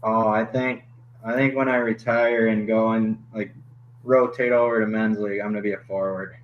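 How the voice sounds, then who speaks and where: A young man, a hockey goalie guest on a podcast, chatting casually and laughing often, with halting restarts. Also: fairly low pitch, flat delivery. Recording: slightly dull podcast audio with faint noise.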